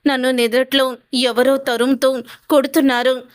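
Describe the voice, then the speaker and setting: A woman's voice: high-pitched, level tone, normal speed, clean tone, lightly acted. A woman reading the lines of an anxious, evasive young wife in a retold family drama, in a nervous, excuse-making way.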